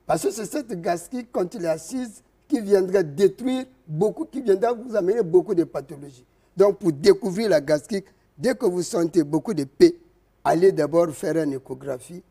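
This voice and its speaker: French guy, healer explaining stuff slow, highish mellow voice. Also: animated, husky. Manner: slow, didactic, explaining step by step with many hesitations. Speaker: traditional healer and herbalist guest. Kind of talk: interview explanation.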